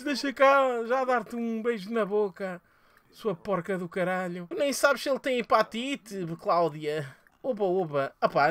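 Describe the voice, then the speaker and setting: A young man with a European Portuguese accent, giving crude, excitable let's play commentary and swearing often as he plays. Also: high-pitched. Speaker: gaming streamer.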